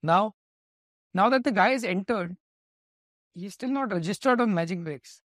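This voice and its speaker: A man's voice: high-pitched, expressive, normal speed, fairly bright tone, no echo, studio quality. A man with an Indian English accent answering business interview questions in an explanatory way, sometimes correcting himself mid-sentence. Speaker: company executive, interview guest.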